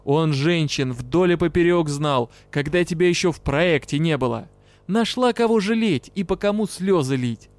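A brash male dark elf with a gruff, no-nonsense way of talking, as a male narrator puts him on. He sits a little higher than the usual male voice and sounds close and dry, with faint music underneath. An audiobook character who teases and scolds in the same breath. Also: expressive, normal speed, no echo, lightly acted. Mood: scolding. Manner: gruff, teasing, bluntly scolding.

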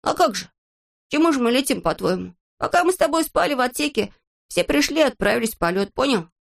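A woman voicing an excitable, boastful boyish little shorty in a storybook reading, eager and exclaiming. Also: high voice, quick pace, gravelly, voice pushed up. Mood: excited. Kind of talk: storybook character voice.

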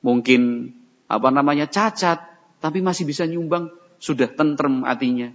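Preacher in an echoing hall. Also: male voice, a little high, moderate pace, fairly bright tone. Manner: storytelling, shifting into Javanese phrases, chanting Quranic verses. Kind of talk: Islamic study sermon. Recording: dull audio in a reverberant hall.

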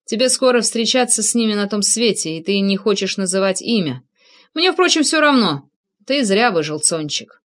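A woman's voice: medium pitch, expressive, moderate pace, close to an everyday voice. A woman reading an audiobook, voicing a cruel male crime boss who shrieks and rants in abusive outbursts. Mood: cold.

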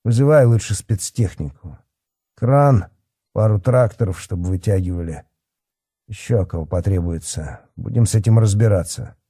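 A man's voice: lowish voice, moderate pace, mellow, slightly rough, no echo, clean studio sound. A man voicing a stern, curt middle-aged police chief who gives orders.

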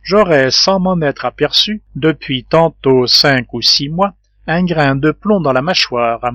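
A man's voice: a little high, animated, measured pace, sharp tone, no room sound. A man reading a boastful seafaring sailor. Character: bold hearty male sailor, sure of himself.

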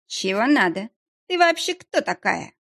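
A woman's voice: on the high side, big pitch swings, pitched above the performer's own voice. A woman reading an audiobook, voicing a hostile, coarse woman of about forty who sneers and draws out her words. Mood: hostile sneering. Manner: snarling, drawn-out sneering. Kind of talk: audiobook character voice.

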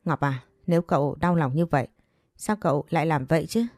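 A woman's voice: low voice, a little fast, a little mellow, dry recording, studio quality, faint music behind, lightly acted. A woman reading an audio story, voicing a brash young male student who talks mockingly. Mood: gentle.

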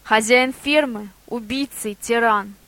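Woman doing a sly bold boar, theatrical, persuasive, high pitch, dry close sound. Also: a little slow, bright, forceful tone, no room sound. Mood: persuading.

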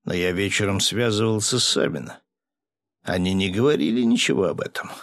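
An audiobook narrator voicing a calm, measured officer in nearly his own low voice. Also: gravelly, no echo, clean studio sound, full character voice. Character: thoughtful officer.

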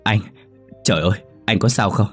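A man's voice: fairly low pitch, normal speed, breathy edge, soft background music. A man voicing a worried older wife. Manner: anxious, tender.

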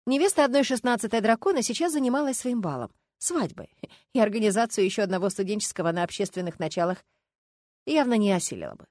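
Woman narrator, expressive first-person audiobook read, close dry recording, mid pitch. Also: fast, no room sound.

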